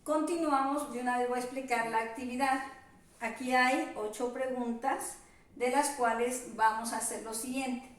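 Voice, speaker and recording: A woman teacher giving a virtual class, spelling out examples slowly and carefully. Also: high voice, steady tone, recorded from a distance. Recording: echoey room, voice off-mic.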